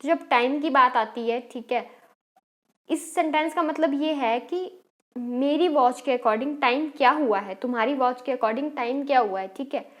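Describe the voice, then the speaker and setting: A woman's voice: high-pitched, measured pace, fairly bright tone. A woman teacher with an Indian English accent, explaining English exam questions step by step and quizzing her students. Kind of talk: exam-prep English lesson.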